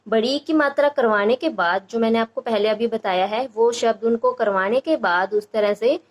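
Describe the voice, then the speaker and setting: A young woman teacher explaining a phonics lesson to parents, sounding out letters and syllables slowly one by one. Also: on the high side. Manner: slow, drawn-out syllable-by-syllable sounding out.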